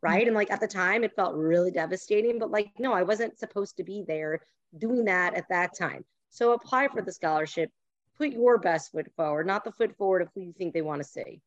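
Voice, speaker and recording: A woman's voice: fairly low pitch, fairly quick, no echo. Woman with a Long Island accent, slightly muffled. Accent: Long Island, New York. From New York, United States. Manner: candid, self-deprecating, encouraging. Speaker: panelist, past scholarship winner. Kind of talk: conversational advice with personal anecdotes.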